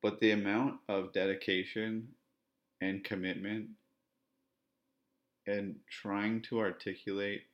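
The host, a man from Ontario, talks through a podcast monologue with deliberate, repetitive wording and a flatness he labels monotone. His voice is lowish, and the recording is muffled.

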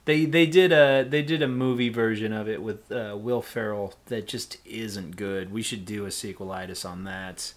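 A man's voice: on the low side, normal speed, few pauses. A man co-hosting a podcast, chatting casually about movies with lots of fillers and laughs. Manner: rambling, laughing, frequent fillers. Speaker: podcast co-host.

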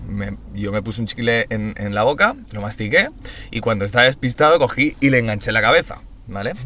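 A man's voice: lowish voice, fairly bright tone. A young man with a Castilian Spanish accent chatting casually and telling stories to friends in slangy, sweary talk. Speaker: podcast co-host. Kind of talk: casual chat and storytelling among friends.

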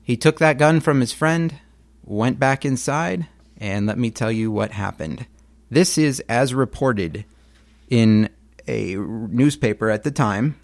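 Male storyteller, middle pitch, casual and blunt narration, dry close recording. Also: takes it slowly, vocal fry, no echo. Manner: conversational, blunt, emphatic. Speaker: history storyteller.

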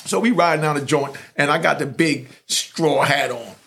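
A man's voice: on the high side, moderate pace, vocal fry, a bit bright. A man telling a long street story in casual chat, rambling with many fillers and restarts. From New York. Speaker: storyteller host.

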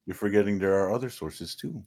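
A man's voice: lowish voice, fairly quick, darkish tone, dry recording. A young man co-hosting a podcast in casual, joking, matey banter with friends, on a noisy mic. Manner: matey, joking banter, mock-grand boasts. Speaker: podcast co-host. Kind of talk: casual chat among friends.

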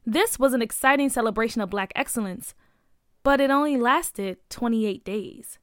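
A woman narrating a children's story in a clear, measured read-aloud manner. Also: on the high side, no echo, clean studio sound.

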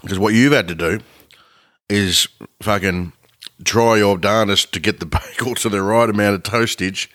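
A man co-hosting a podcast rambles casually with his co-host, swearing, laughing and eating as he talks. His voice is on the low side and a bit bright, with fairly even intonation at a moderate pace.

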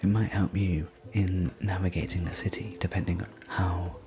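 A man voicing a friendly, hospitable innkeeper of a fantasy tavern in a whispered sleep-story roleplay, talking in a soft, gently rambling way. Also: deep voice, fairly even intonation, moderate pace, music in the background. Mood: chatty.

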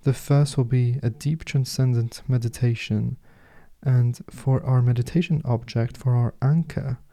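Very mellow, soft-voiced man guiding meditation. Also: mid-range voice, steady tone. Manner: soft, slow, soothing delivery. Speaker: meditation podcast host and guide. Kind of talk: guided meditation narration.

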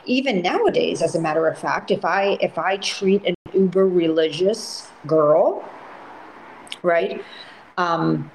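A middle-aged woman speaking as a dietitian guest in a casual interview, animated and often repeating words as she starts a thought. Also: on the high side, a little hiss or hum, poor audio.

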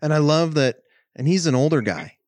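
A man chatting casually, an easygoing storyteller who drops quick affirmations and laughs while telling a story. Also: fairly high pitch, expressive, darkish tone, no echo. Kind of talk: casual conversation.

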